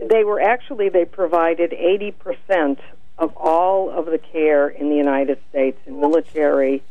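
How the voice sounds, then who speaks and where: A woman calling in on a speakerphone over a phone line, explaining earnestly and pausing on fillers. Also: low voice, fairly even intonation, no echo. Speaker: caller, director of a nurses' group. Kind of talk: radio call-in.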